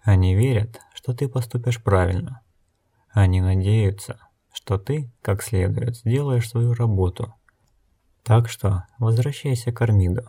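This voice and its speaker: A man reading an audiobook, voicing a calm, blind wandering woman who speaks in a measured, unhurried way. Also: fairly low pitch, slightly rough.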